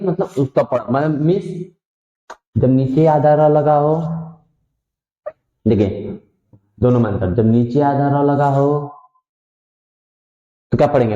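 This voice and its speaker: A man's voice: mid-range voice, warm tone. A man teaching the alphabet, patiently repeating sounds and checking that students understand. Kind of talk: Hindi alphabet lesson. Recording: echoey room, dull lo-fi sound.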